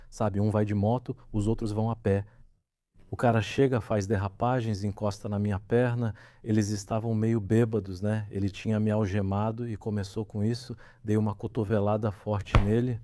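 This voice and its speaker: A man speaks as an interview guest, telling his personal story in a low, mellow voice. He slips into the lines of the people in the story as he retells them. The sound is close and dry, with no room around it. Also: dry recording. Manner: vivid retelling, acting out quoted dialogue.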